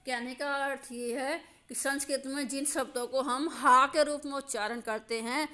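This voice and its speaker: A woman teaching a grammar lesson, slowly and patiently, repeating examples and checking that her students understand. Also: sits high, fairly even intonation, sharp tone.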